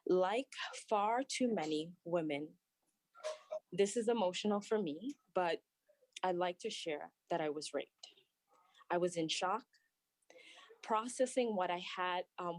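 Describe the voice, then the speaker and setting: Reading her prepared remarks aloud to a hearing from her workplace, a young female doctor speaks low, steady, and earnest, occasionally tripping and starting over. The remote recording is close and dry, free of room echo.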